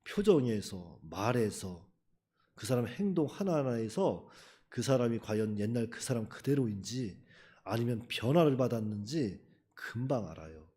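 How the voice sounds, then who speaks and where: A man's voice: medium pitch, expressive, moderate pace, dark tone. A man preaching a sermon as pastor, talking to the congregation in a chatty way, acting out quotes and chuckling between points. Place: church.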